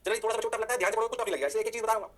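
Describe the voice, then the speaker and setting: A man's voice: high-pitched, steady tone, very fast. A man teaching a physics lecture, answering his own questions in a mock student voice and chanting sing-song catchphrases. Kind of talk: energetic online lecture.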